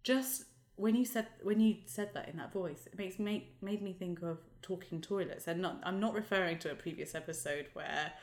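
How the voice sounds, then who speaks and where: A woman's voice: fairly low pitch, normal speed, few pauses. Chatty laughing female podcast co-host. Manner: chatty, laughs often, animated asides. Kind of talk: casual chat.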